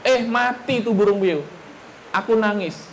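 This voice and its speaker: A man voicing a gentle, solemn male religious teacher who speaks slowly and repeats himself as he confides. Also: high voice, a little hiss or hum, rough recording. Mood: sorrowful. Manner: slow, confiding, repeats his words.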